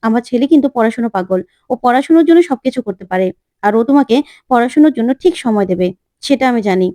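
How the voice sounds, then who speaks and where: A woman's voice: fairly high pitch, expressive, fast talker, mellow, no room sound, close to an everyday voice. A woman voicing a middle-aged father who questions firmly and with concern.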